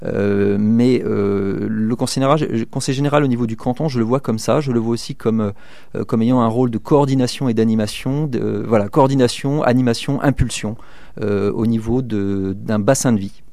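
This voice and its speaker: A candidate in a local election, this man in his 30s from southern Manche, northern France, responds to an interviewer with lots of hesitation, fillers and restarts. His mid-range voice is gravelly and warm, fairly even in intonation, at a moderate pace, recorded with no room sound.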